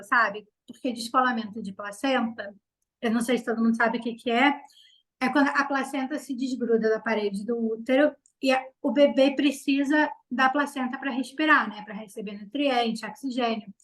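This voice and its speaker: A woman from Brazil in her thirties, chatting on a podcast with a high voice. She tells her story animatedly, slipping into quoted dialogue and filling pauses with casual fillers. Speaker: podcast guest.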